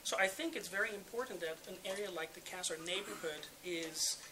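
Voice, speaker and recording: A speaker from the Netherlands with a Dutch accent, a native Dutch speaker, giving a relaxed, hesitant panel talk full of ums and uhs. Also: mid-range voice, brisk. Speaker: urban demographer on a panel. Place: public roundtable event. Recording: noisy event recording.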